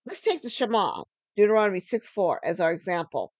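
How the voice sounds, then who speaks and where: A woman giving an earnest teaching sermon on scripture, stressing key phrases and slowing down for emphasis. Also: mid-range voice, very animated, darkish tone, no room sound. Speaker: Bible teacher.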